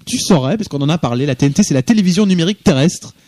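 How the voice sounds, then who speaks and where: A man's voice: a little high, lively intonation, racing, a little mellow, no room sound. A man presenting tech news casually as a radio co-host.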